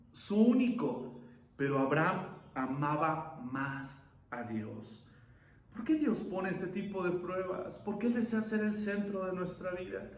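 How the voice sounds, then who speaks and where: A male pastor preaching a sermon, asking rhetorical questions and pausing for effect. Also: sits high, reverberant.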